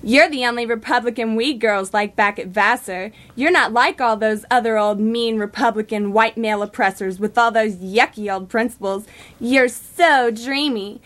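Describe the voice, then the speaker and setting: A woman's voice: a little high, moderate pace, a bit bright, natural voice. A woman playing a gushing, fawning young college student in a comedy sketch.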